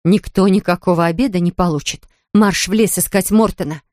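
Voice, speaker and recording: A woman's voice: deep voice, steady tone, fast, gravelly, a little mellow, no echo, clean studio sound. A woman voicing a firm, commanding mother of a large family in a children's storybook reading. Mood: stern. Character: stern mother of a big family.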